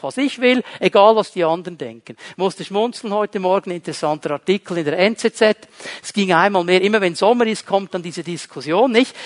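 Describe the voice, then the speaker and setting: A high-voiced man preaches a sermon. He talks straight to his listeners and swings between loud emphasis and hushed lines. Humorous asides keep his delivery conversational. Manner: dramatic shifts between loud and quiet, addresses listeners directly.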